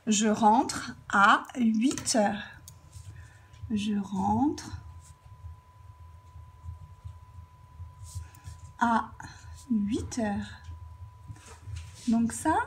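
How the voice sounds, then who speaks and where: A woman teaching a grammar lesson, explaining slowly and carefully while she writes out examples. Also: high-pitched, a little mellow, slight background noise. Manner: slow, careful dictation, writing while talking.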